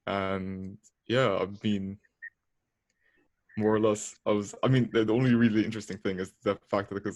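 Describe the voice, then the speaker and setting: A man's voice: low voice, darkish tone, no room sound. A young man speaking as a panel guest in a hesitant casual way, often restarting. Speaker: panel guest, medical student. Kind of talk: casual chat.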